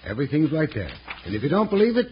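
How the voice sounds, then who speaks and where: An actor playing an evasive, then fawning clerk in a 1950s radio western. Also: male voice, fairly high pitch, wildly swooping pitch, racing. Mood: cagey. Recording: dull, faintly noisy old radio recording.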